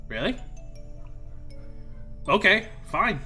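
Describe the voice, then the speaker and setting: A man's voice: high voice, very animated, extremely slow, sharp tone. A man giving casual, sardonic commentary while playing a video game. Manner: sardonic, swears, laughs at the game. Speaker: let's play host. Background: faint game music.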